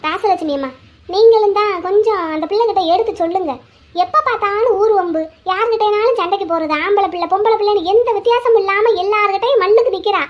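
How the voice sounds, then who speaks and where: A woman's voice: very high voice, fast talker, highs cut off. Woman voicing a nagging cartoon mother. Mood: complaining. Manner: complaining, gossipy. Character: nagging middle-aged cartoon mother, gossipy and strict.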